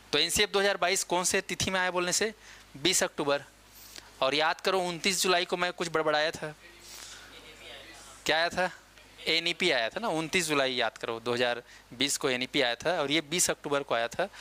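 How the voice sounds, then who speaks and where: A man teaching a coaching-class lecture in a casual, chatty way, quizzing students and answering himself, slowing down to dictate key terms. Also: fairly high pitch, sharp tone.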